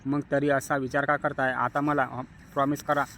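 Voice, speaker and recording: A man's voice: mid-range voice, flat delivery, moderate pace, a bit bright, a little hiss or hum, natural voice. A man voicing a devoted young wife who pleads insistently with her husband. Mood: pleading.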